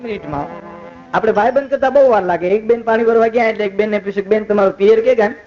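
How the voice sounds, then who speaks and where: A man, telling funny stories and moralizing on stage at a festival program, acting out the dialogue in his anecdotes. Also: sits high. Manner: rapid anecdotes acting out quoted dialogue, turning earnest and moralizing. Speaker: folk humorist. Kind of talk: live stage humor storytelling. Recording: lo-fi live recording with music behind.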